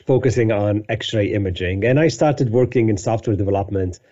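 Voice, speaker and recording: A man in his fifties from Lebanon answers interview questions in a relaxed, detailed way. His voice is low and mellow, and the sound is slightly muffled. He pauses now and then with "uh" and "um" as he builds his story. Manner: detailed storytelling with frequent fillers. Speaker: guest, company CEO.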